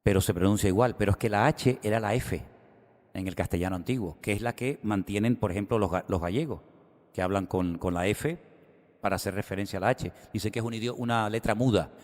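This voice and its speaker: Pastor in his sixties, low voice. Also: fairly quick, a little mellow. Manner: conversational, rambling with restarts and asides. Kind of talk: sermon. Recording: hall with long reverb.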